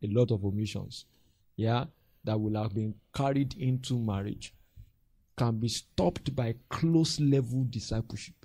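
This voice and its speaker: A man's voice: medium pitch, unhurried, no echo. A man, a pastor mentoring a group and telling stories with acted-out voices and frequent laughs. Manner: animated storytelling, acts out voices and laughs often.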